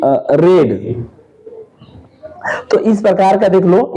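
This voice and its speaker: Male teacher, fairly high voice with a very dark tone, patient and repetitive classroom explanation. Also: muffled recording. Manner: explains slowly, repeats words and asks rhetorical questions. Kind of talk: classroom lesson.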